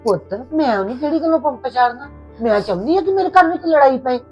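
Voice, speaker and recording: A woman's voice: high-pitched, expressive, quick pace. A woman acting a mother who lectures and reproaches her daughter-in-law in a family drama. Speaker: actor playing a mother. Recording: slightly dull audio with music.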